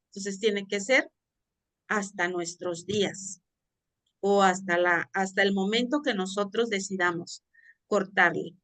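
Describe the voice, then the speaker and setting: A woman's voice: medium pitch, a bit bright, no room sound. A woman teaching a class, reading a passage aloud and asking her students questions.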